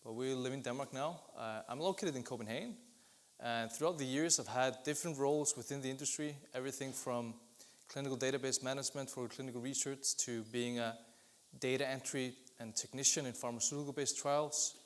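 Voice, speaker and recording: Guy presenting at an industry conference, mid pitch, steady explaining tone, restarts now and then. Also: a little fast. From Iceland. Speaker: business development lead presenting at an industry event.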